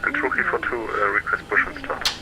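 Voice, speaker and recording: A man speaking as a pilot over a headset radio, giving halting readbacks and requests to air traffic control. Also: huge pitch swings. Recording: noisy radio with engine rumble.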